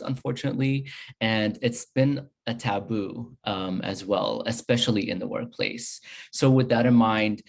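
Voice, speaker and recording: A man moderating a panel discussion, speaking in a measured way with frequent fillers. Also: fairly low pitch. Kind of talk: hosting a virtual panel.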